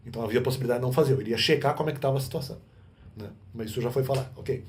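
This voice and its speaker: A man's voice: mid-range voice, racing, slight background noise. A man in an unscripted monologue, rambling with many restarts and self-corrections. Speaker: vlogger.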